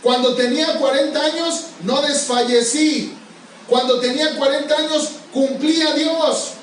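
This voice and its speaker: A man's voice: very high voice, steady tone, a little slow, a little hiss or hum. A male pastor preaching a sermon, pressing the congregation with repeated questions. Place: church sanctuary. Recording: echoey church hall, far from mic.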